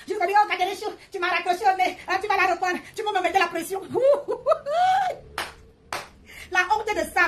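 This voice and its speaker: A woman's voice: sits high, a bit bright. A woman hosting a live stream, ranting in a mocking, confrontational way and repeating her jabs. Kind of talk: heated live-stream rant.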